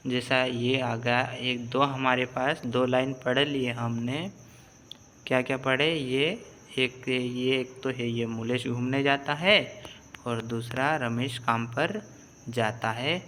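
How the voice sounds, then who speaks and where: A man gives a slow reading lesson, spelling out each syllable and repeating it with patience. His voice is bright and clear. Faint insect sounds hum in the background. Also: mid-range voice, fairly even intonation. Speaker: teacher.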